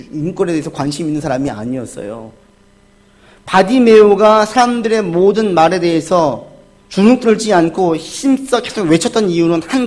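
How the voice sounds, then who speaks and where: Male pastor, sermon, fairly high voice, rhetorical questions, soft low asides, loud acted-out cries. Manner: asks the congregation questions and answers them himself.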